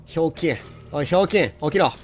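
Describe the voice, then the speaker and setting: A young man with a Kansai accent commenting on his gameplay, who gets excited and yells and taunts at enemies. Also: a little high, quick pace, faint music behind. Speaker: let's play commentator.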